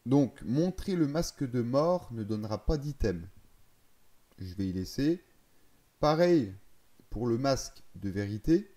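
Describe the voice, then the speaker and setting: This gaming video creator has a mellow, medium-pitched voice that is animated yet measured, with frequent pauses. In a relaxed way, he walks through a game's settings, musing aloud, faltering and fixing his own words as he goes.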